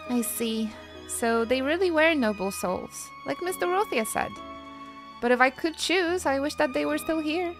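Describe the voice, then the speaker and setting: A woman's voice: high-pitched, expressive, normal speed, soft background music, voice pushed up. A woman reading out the lines of a wistful young orphan hero from a game, in a raised voice.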